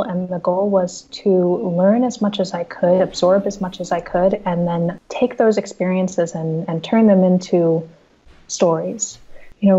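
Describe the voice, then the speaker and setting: Speaking at a medium pitch in a dark tone with the highs cut off, a woman in her thirties, an author, takes reader questions via video call with earbuds from her bookshelf-lined room at home. She's reflective, frequently starting over and repeating words.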